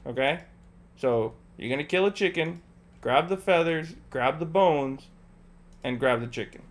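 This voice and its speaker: Speaking a little slowly in a voice on the high side, a man coaches a friend through a game during a casual livestream. He goes step by step, patiently repeats what to do, and slips in jokes and laughter between directions.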